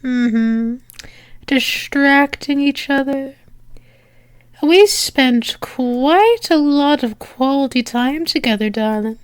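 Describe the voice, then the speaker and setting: In an ASMR roleplay, a woman with a high voice plays a flirtatious female demon, teasing and sultry, close to the mic in a dry recording. Her delivery is breathy and drawn out, often slipping into a whisper, with lingering pauses.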